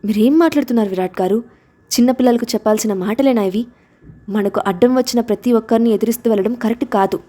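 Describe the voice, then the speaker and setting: A woman's voice: fairly high pitch, quick pace, mellow, lightly acted. A woman voicing a principled mother who speaks firmly in a storybook reading. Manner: firm, scolding. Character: principled gentle mother, firm when crossed.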